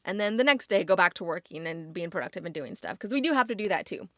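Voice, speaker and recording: A woman's voice: on the low side, lively intonation, fast talker, fairly bright tone, no echo, studio quality. A young woman hosting her own podcast, talking casually and encouraging listeners, repeating phrases for emphasis. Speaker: podcast host. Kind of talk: casual solo podcast monologue.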